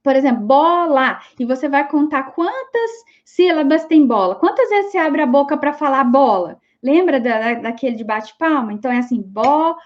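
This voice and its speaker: A high-pitched woman teaches an online class. She explains step by step and keeps checking that her listeners follow. The audio is a little dull and lo-fi. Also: expressive, normal speed, hardly any pauses. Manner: explanatory, frequent checking tags like "tá bom?".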